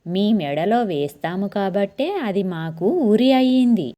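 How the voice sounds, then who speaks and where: A woman's voice: mid-range voice, expressive, mellow, close to an everyday voice. A woman voicing a joking, exasperated young husband who drags out his teasing lines. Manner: teasing, drawn-out.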